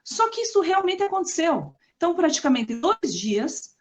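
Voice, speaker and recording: A woman's voice: very high-pitched, sing-song, normal speed. A Brazilian woman telling her own life story in a rambling way, with many tag questions and restarts. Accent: Brazilian Portuguese. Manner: rambling, frequent "né?" tags and restarts. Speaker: storyteller recounting her past. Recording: slightly muffled lo-fi recording.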